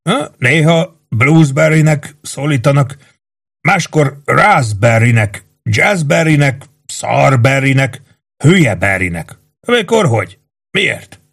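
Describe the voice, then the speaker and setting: A man's voice: mid-range voice, lively intonation, vocal fry, a bit bright, voice pushed up. A man voicing a wiry young male prisoner who whispers conspiratorially, grins and chuckles as he talks. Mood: sly whisper. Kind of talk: audiobook character voice.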